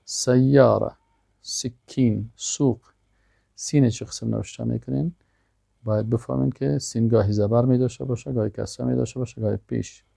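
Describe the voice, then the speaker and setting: A man's voice: medium pitch, steady tone, vocal fry, warm tone, dry recording, clean studio sound. A man giving a language lesson, reading each word aloud, repeating it and giving its meaning. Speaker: Arabic teacher.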